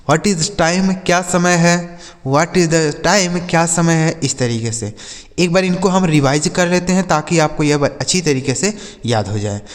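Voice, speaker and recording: Addressing viewers as children, a man with a slightly high voice teaches English words in Hindi. He slowly spells each word letter by letter and says every example sentence twice, in a big-room sound.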